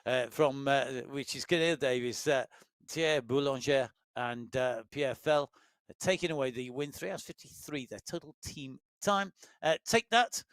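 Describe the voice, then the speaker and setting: A man's voice: medium pitch, moderate pace, no echo. A man doing live commentary on an online cycling race, chatty and joking, with plenty of filler sounds.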